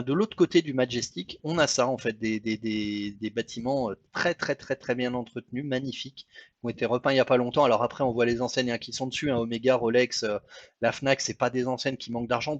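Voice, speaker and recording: A man's voice: mid-range voice, no room sound. A man with a French accent narrating a travel slideshow in a chatty, hesitant, apologetic way. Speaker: travel vlogger. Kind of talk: casual travel commentary over photos.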